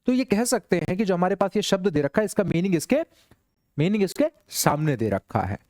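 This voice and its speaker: A man lectures a classroom on English exam questions, slangy and teasing. His voice sits a little high for a man. The sound is close and dry, with no room ring. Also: very animated, a little fast, a little mellow, no echo. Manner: chatty, joking, rhetorical questions to students. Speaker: English teacher. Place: classroom with students.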